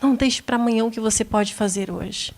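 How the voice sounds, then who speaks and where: A woman giving an urging sermon appeal in church. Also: on the high side. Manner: slow, urging delivery.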